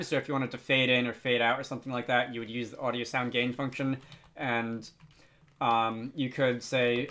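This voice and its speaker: Narrating an unscripted software tutorial, a mid-pitched male host explains things off the cuff. He thinks aloud, often pausing and hesitating.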